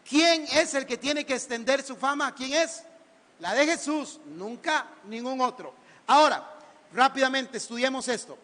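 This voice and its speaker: A man's voice: extremely high pitch, expressive, measured pace, a bit bright. A man with a Costa Rican accent preaching a theatrical sermon in church, firing questions at the congregation. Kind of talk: lively sermon. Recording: church hall reverb.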